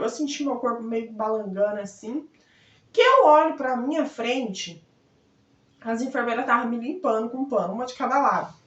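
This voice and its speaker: A young woman telling a personal story in a lively way, acting out the voices of the people in it and laughing often. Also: sits high. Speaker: vlogger. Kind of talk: casual storytelling. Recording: echoey room heard from a distance, dull sound.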